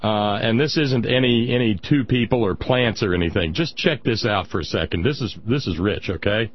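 A man hosting political talk in a conversational, sardonic way, with halting asides. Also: lowish voice, lo-fi sound. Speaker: political talk show host.

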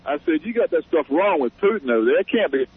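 A man phones in to a talk show on a bad connection, his voice breaking up and dropping out in patches over a thin, tinny line. He talks fast and bluntly, with a husky edge and lots of rise and fall in his pitch. The sound is close and dry, with no room around it. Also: very animated. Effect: phone line breaking up and cutting out. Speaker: caller. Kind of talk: call-in radio chat.

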